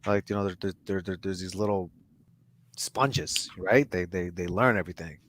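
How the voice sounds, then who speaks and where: Low-voiced dude on a podcast, slangy and emphatic, swears, dry close sound. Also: male voice, steady tone, normal speed, a bit bright, dry recording. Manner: emphatic, slangy, swears, says "man" and "bro". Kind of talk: casual podcast conversation.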